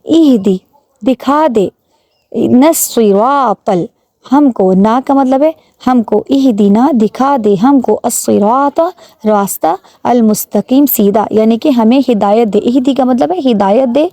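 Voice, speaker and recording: A woman with a Pakistani Urdu accent, teaching prayer recitation, drawing out each word slowly and translating it, patiently pointing out common mistakes. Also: a little high, mellow, no room sound. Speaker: religious teacher.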